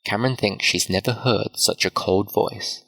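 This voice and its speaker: A man reading a story aloud slowly and clearly for English learners. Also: lowish voice, a bit bright, rough recording. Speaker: narrator. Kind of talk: slow scripted story narration for English learners.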